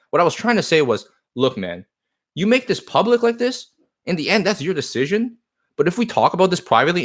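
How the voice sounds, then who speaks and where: He has a slightly high, fairly bright voice. The speaker is a card shop owner and native Chinese speaker, answering comments during a live stream in an earnest, rambling way with frequent repetition.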